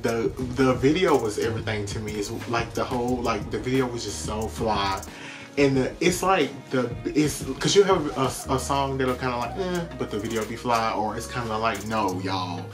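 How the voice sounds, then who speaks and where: A man with an American accent talking as a sassy, effusive drag queen host, casually reacting to a music video with drawn-out emphasis. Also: medium pitch.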